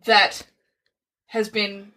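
A woman's voice: mid-range voice, completely flat delivery, drawn-out words, sharp tone. A woman co-hosting a casual comedic chat, trading teasing, dry banter. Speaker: co-host.

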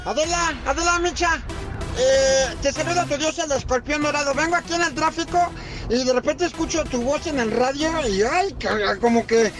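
Man putting on a brash Mexican comic deity, bawdy, extremely high voice, music underneath. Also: normal speed, low-quality recording. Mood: cheeky. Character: brash, bawdy male self-styled deity character. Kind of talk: comic radio shout-out.

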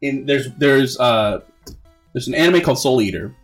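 A man hosting a podcast with animated, jokey, casual banter. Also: mid-range voice, normal speed, soft background music. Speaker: podcast host.

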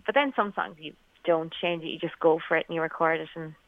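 A woman's voice: sits low, quick pace, no echo. A young woman with a west of Ireland Kerry accent, chatting casually as a singer-songwriter being interviewed. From County Kerry, Ireland. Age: young adult. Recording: thin phone-like radio call sound.

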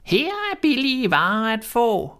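En mand der spiller en listig gammel sælgekone med høj, slæbende stemme. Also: male voice, huge pitch swings, fairly bright tone, clean tone, exaggerated voice. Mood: wheedling. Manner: high, drawn-out, wheedling voice. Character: wicked queen disguised as an old peddler woman. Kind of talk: storybook reading.

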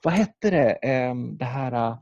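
A man's voice: medium pitch, lively intonation, creaky, darkish tone, dull audio. A man chatting casually, rambling through stories with lots of fillers, restarts and swearing. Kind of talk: casual chat about video games.

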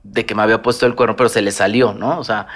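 A man with a Mexican accent in casual conversation, telling personal stories with lively acted-out dialogue. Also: on the low side, fast. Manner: storytelling, animated, acts out quoted dialogue. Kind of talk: casual chat.

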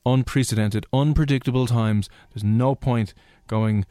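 A man's voice: mid-range voice, fairly even intonation, measured pace, dark tone, smooth, dry recording. Irish guy radio host, rambly casual chat, midrange voice, dry studio. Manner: rambling, self-interrupting.

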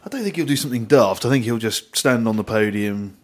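A man's voice: medium pitch, animated, a little fast. A man chiming in to a casual market chat, confident and matter-of-fact.

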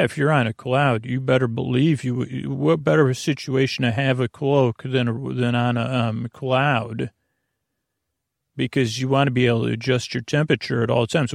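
On his sleep podcast, a bedtime storyteller with a creaky, medium-pitched voice mumbles along in a halting, wandering, digressive monologue. The clean studio sound carries no echo.

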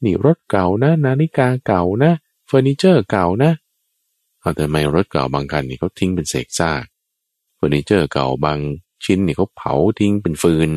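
A male Buddhist preacher with a very deep voice who swings his pitch up and down as he retells a scripture tale. He talks in an informal, conversational way and speaks directly to the listeners, recorded dry and close. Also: fairly quick, no room sound. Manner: lively and colloquial, addresses the listeners. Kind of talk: sermon with storytelling.

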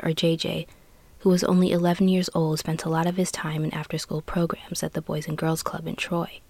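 A woman tells a scripted true crime story as the host. Her voice sits a little low and the sound is dry, with little room on it. She keeps a serious, measured storytelling manner. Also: vocal fry, a little mellow, dry recording.

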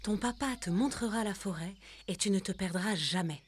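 A woman's voice: medium pitch, moderate pace, breathy edge, lightly acted. A woman voicing a wise old grandmother bear in a children's story, speaking in a soothing, tender way.

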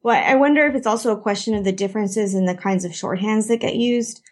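A woman with a Canadian accent hosts a podcast discussion, chatty and prone to long tangents. She speaks quickly at a medium pitch.

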